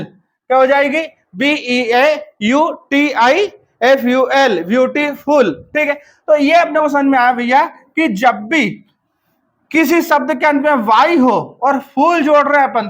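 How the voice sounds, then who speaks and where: High-voiced man teaching with a cold. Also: fairly bright tone. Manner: drilling by asking and answering his own questions, spelling letter by letter. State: has a cold. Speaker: English teacher for exam prep. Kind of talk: exam-prep lesson.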